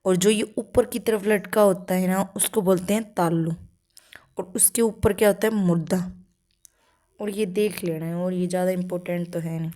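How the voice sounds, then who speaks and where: A woman's voice: lowish voice, fairly even intonation, normal speed, warm tone. Woman teacher quizzing her own class. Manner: asks questions and answers them herself; checks in with frequent "okay" tags. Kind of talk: exam-prep grammar lesson.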